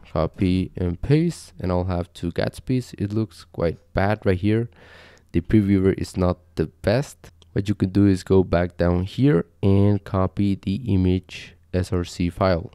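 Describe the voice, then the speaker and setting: A young man from Costa Rica walks through code in a casual screen-share tutorial, loose and chatty, with lots of fillers. His voice sits very low and smooth, with a mellow, dark tone. The sound is dry and close, from a mic at a home desk. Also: normal speed, no room sound. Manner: relaxed, conversational, with frequent fillers. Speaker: coding tutorial host. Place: small home desk setup indoors.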